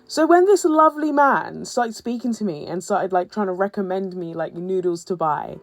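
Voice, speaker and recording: A woman's voice: mid-range voice, animated, normal speed, dry recording, soft background music. A woman narrating her travel vlog as a voice-over, telling her story in a chatty, humorous way with playful asides. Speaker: travel vlogger.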